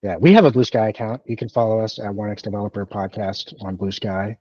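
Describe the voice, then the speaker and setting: Man in his thirties, podcast co-host, casual rambling chat, somewhat low voice, dry close sound, slightly dull audio. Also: quick pace, mellow, no echo. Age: 30s. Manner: rambling, self-deprecating, many fillers and restarts.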